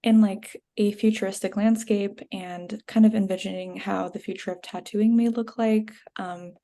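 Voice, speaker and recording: A woman, a graduate student, describing her project on a panel in a relaxed way with casual fillers. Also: mid-range voice, normal speed.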